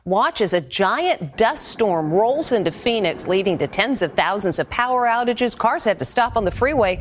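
A woman's voice: mid-range voice, lively intonation, normal speed, a little hiss or hum. A woman news anchor with an American accent, reading scripted broadcast narration.

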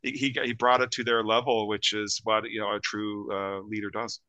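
A man's voice: lowish voice, level tone, moderate pace, sharp tone, no echo. A man from Canada, a podcast guest, talking earnestly in casual chat. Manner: earnest, many fillers and restarts.

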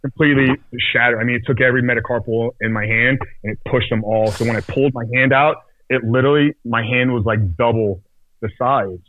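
Male guest, mid-range voice, halting storyteller with many restarts; dry, phone-like sound. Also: medium pitch, steady tone, no echo. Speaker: podcast guest. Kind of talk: casual personal storytelling.

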